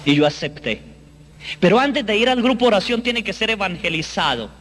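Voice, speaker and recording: Man, high voice, earnest dramatic testimony, slow on key phrases. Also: expressive, a bit bright, a little hiss or hum. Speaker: speaker giving a personal faith testimony. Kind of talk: emotional first-person storytelling.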